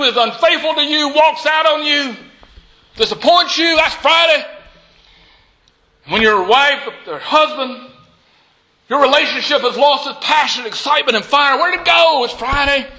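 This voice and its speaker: A man preaching an Easter sermon, telling a story and building emphatic, repeated refrains that rise from soft to shouting. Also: extremely high pitch, normal speed, low-quality recording. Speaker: pastor.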